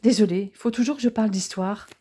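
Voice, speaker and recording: A woman's voice: mid-range voice, quick pace, mellow, husky, natural voice. A woman reading the lines of an affectionate young woman who loves history, in an audiobook.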